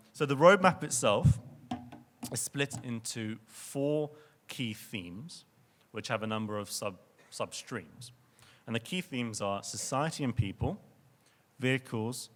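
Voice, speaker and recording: A man's voice: mid-range voice, animated, unhurried, fairly bright tone. A young man giving a conference presentation to an audience in a lecture venue, speaking earnestly and often restarting or repeating words.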